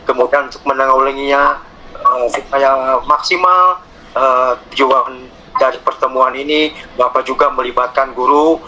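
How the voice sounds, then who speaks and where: A man moderating an online meeting, speaking haltingly with many fillers and pauses. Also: medium pitch, fairly even intonation, pushed and bright, highs cut off, a little hiss or hum.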